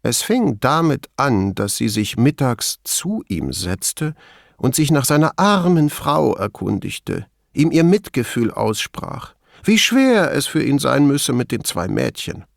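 A man reading an audiobook, voicing a middle-aged male lab chief who is smug and gossipy, raising his voice high and letting it swing widely. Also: a little slow, gravelly, no room sound, studio quality. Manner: high, animated, mocking bursts.

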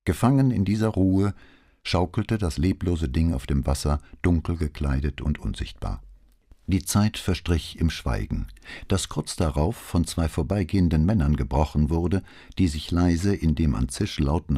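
Hörbuchsprecher, rauchig-heisere Stimme, lebhafte Betonung, ruhiges Erzähltempo. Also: male voice, extremely low pitch. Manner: calm, measured storytelling. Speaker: audiobook narrator. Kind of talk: scripted narration of a crime novel.

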